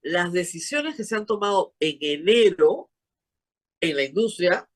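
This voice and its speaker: Peruvian woman TV host, emphatic and exclamatory, husky voice that swings widely in pitch. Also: lively intonation. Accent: Peruvian Spanish. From Peru. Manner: emphatic, exclamatory, quick asides. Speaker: show host. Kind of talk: animated TV interview chat.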